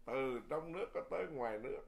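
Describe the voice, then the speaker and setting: A man who is a Buddhist monk, giving a Dharma sermon in a lively, folksy way, often repeating words and chuckling. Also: medium pitch, fast talker, gravelly.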